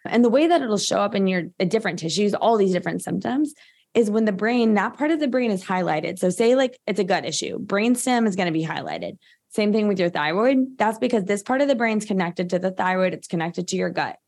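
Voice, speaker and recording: Thirties woman, guest expert, chatty and loose, medium pitch. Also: animated, fairly quick, darkish tone. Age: 30s. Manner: chatty, frequent "like" fillers. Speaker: guest practitioner. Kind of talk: casual interview talk.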